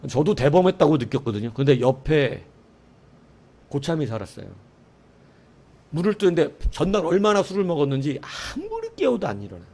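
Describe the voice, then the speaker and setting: A man's voice: on the high side, wildly swooping pitch, a little fast, long pauses, a little mellow. A middle-aged man preaching a sermon as pastor, telling a story with sound effects and asides to the congregation.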